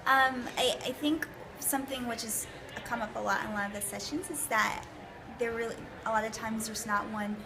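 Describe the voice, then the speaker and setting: A young woman delegate answering in a hesitant, soft way with many fillers. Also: a little high, fairly even intonation, moderate pace, background noise. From United States. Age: young adult. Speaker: conference delegate. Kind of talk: interview answers. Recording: loud background music.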